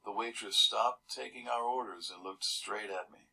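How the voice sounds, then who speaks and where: A man's voice: lowish voice, moderate pace, vocal fry, pushed and bright, rough recording. A man reading a children's storybook aloud, adding casual, chuckling comments between pages. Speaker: storybook reader.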